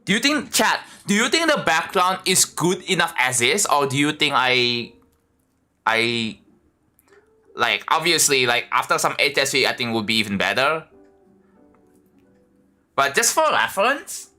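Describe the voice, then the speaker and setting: Here the same Indonesian-accented streamer talks to chat as he works on a game level, musing aloud and often restarting or filling gaps. His mid-range voice is sing-song and sharp, slightly slow with long pauses, over soft background music.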